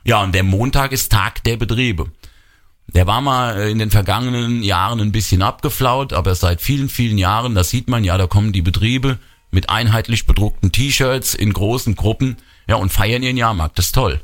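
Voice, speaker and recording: Low-voiced local man explaining steadily. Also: normal speed. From Bad Kreuznach region. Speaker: chair of a showmen's association. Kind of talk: radio interview guest.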